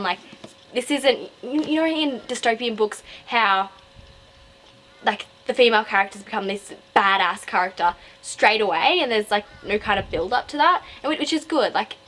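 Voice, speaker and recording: A young Australian woman vlogs book reviews, talking casually to camera in a mid-range, fairly bright voice, though the audio is poor. She rambles, digresses, and keeps interrupting herself.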